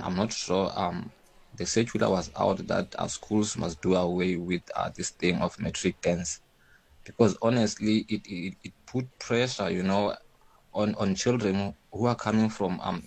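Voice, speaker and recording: A man's voice: deep voice, vocal fry, breathy edge, no room sound, low-quality recording. A man, speaking hesitantly in a voice note played on a radio show, with many ums and repeated words. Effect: voice note played on air. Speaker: radio listener. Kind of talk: casual spoken message.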